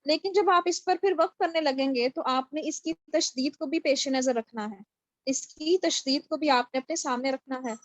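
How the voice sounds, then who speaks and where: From her home on a video call, a woman teaches Quran recitation in an online tajweed class, patiently explaining and checking that her students are following. Her voice sits high, there's no room sound, and she's heard through a video call mic.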